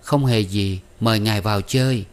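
A man's voice: lowish voice, normal speed, clear, resonant tone, lightly acted. A man voicing a proud, polite young woman schoolteacher who speaks formally.

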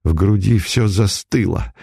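A man narrates a grim historical tale in a measured, grave audiobook reading. His fairly low voice has a gravelly, dark grain, and the sound is dry and close with no room around it. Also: dry recording.

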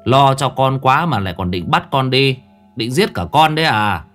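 A man's voice: mid-range voice, lively intonation, normal speed, a bit bright, soft background music, pitched above the performer's own voice, lightly acted. A man voicing a stern male spirit medium who scolds the family and questions a ghost. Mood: scolding. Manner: scolding, brusque.

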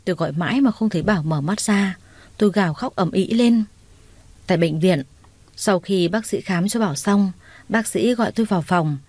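A woman narrating a first-person romance story, expressive and acting out the quoted lines. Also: mid-range voice, moderate pace, no room sound.

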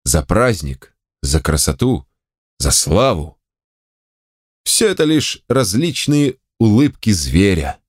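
A man voicing a smug grown man who proposes toasts in a measured, solemn way. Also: lowish voice, sing-song, husky, exaggerated voice.

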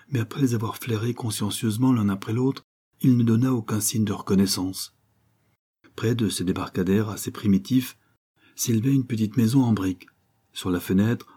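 A man reading a novel aloud as narrator in a steady, measured way. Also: lowish voice, breathy edge. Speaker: audiobook narrator. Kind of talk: scripted narration.

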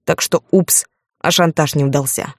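A woman's voice: low voice, fairly even intonation, moderate pace, dry recording, studio quality. A woman reading an audiobook, voicing a cold, contemptuous man who speaks in curt, commanding phrases.

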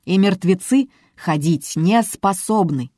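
A gruff, irritable manager barks blunt scoldings, as a woman reading the audiobook puts him on. The voice sits low and warm with a husky edge. He sounds fed up and bossy. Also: expressive, slow, dry recording, clean studio sound.

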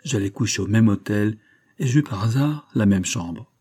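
A man narrating a classic story as an audiobook in a measured literary manner. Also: on the low side, mellow, husky.

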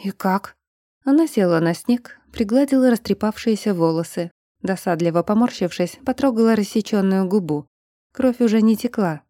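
A woman narrating an audiobook in a steady, measured storytelling manner. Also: mid-range voice, dry recording, studio quality. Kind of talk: scripted narration.

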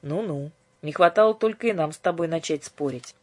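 A woman voicing a wry, watchful male guardian angel who speaks in a teasing, dry way, with a breathy voice. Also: low voice, a little fast, darkish tone.

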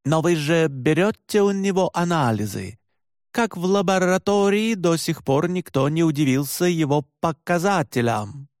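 A man voicing a stubborn young Finnish man who speaks his second language slowly, shaping each sound with care. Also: fairly high pitch, lively intonation, a little mellow, no room sound, clean studio sound. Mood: insistent. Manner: slow, carefully articulated, stubborn.

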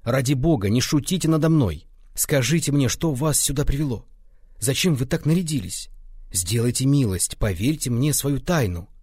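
A man's voice: medium pitch, very animated, brisk, a little mellow, husky, dry recording, clean studio sound, voice pushed up. A man playing an alarmed young nobleman. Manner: exclaiming, urgent. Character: startled young nobleman, urgent and insistent.

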